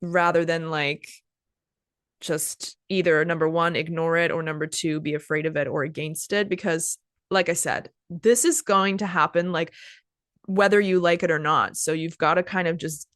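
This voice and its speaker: An English teacher in her twenties hosts a laid-back podcast chat in a deep, slightly bright voice with fairly even intonation. Chatty and full of "like" and "kind of," she pauses to explain words. There's no room sound, just clean studio audio.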